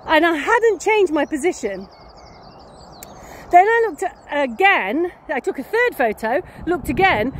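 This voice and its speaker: A woman's voice: sits high, slight background noise. A woman chatting outdoors in a rambling, self-mocking daily vlog, laughing often. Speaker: vlogger.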